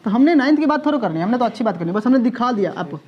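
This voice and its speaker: A male physics coaching teacher lectures his class in a chatty, teasing way, sprinkling in "sir" and constantly asking whether students are following. His voice is very high, with lively intonation and a rapid-fire pace, and the recording's highs are cut off.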